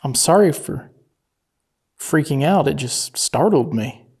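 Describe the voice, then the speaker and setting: A paranormal investigator calmly coaxing and questioning an unseen presence during a night investigation. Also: medium pitch, slow, breathy edge.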